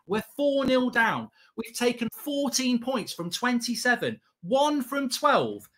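A man's voice: very high voice, sing-song, slow pace, a bit bright. A man, reacting live to a football match as a watchalong host, exasperated, emphatic, repetitive and sweary. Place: small indoor studio set at a desk.

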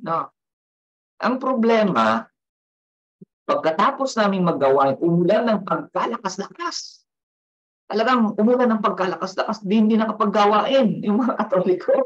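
Pastor, conversational, muffled. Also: male voice, fairly high pitch. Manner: conversational, often asks "no?" and tells personal stories. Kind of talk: Taglish devotional sermon.

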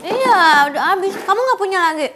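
A woman playing a cheeky young student in a sitcom who teases and puns with a deadpan delivery. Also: very high-pitched, brisk, noisy background. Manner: cheeky, teasing and deadpan punning. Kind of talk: sitcom acting.

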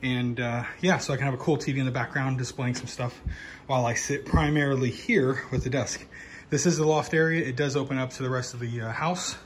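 A man's voice: medium pitch, fairly even intonation, brisk, a little hiss or hum. A man casually talking through his home studio setup in a loft, rambling with lots of fillers. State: out of breath. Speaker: channel host. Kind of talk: casual vlog update. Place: home loft room being set up as studio.

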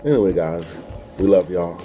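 A man's voice: deep voice, normal speed, warm tone. A laid-back man, chatting casually to viewers of his home vlog. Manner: laid-back, folksy, addresses viewers as team. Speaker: vlog co-host. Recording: faint music behind.

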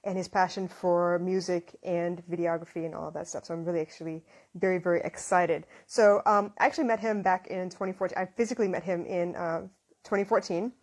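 A woman's voice: lowish voice, steady tone, fairly quick. A woman hosting a live video chat, talking casually and enthusiastically with lots of fillers, on an earphone mic in a small room. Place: indoors, small room, phone selfie. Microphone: wired earphone mic. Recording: slightly dull lo-fi live-stream audio.

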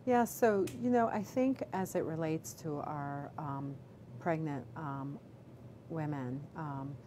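A middle-aged woman obstetrician gynecologist answering questions in a live video Q&A, measured and full of fillers and restarts. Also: deep voice. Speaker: obstetrician gynecologist, chief medical officer. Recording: background noise.

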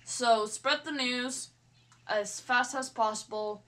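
Slow, stammering high-voiced woman. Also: fairly bright tone. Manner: hesitant, stuttering, restarts sentences. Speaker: gaming YouTuber. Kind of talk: casual vlog talk while playing a game.

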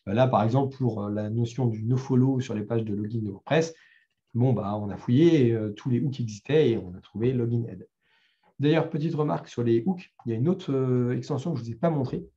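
A middle-aged man with a French accent gives a conversational live talk and screen demo at a developer meetup, full of fillers and restarts. He speaks a little fast in a warm, medium-pitched voice over dull audio.

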